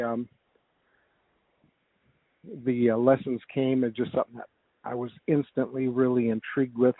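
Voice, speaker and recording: A man's voice: mid-range voice, dry recording. Middle-aged American man on a dull phone line. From United States. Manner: rambling, halting recollection. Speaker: guest, comedic ventriloquist. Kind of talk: casual interview chat. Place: phone interview.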